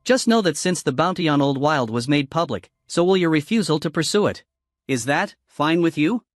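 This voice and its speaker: A man voicing a scheming male official who speaks with a forced, measured calm. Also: a little high, no room sound, clean studio sound, natural voice. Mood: guarded.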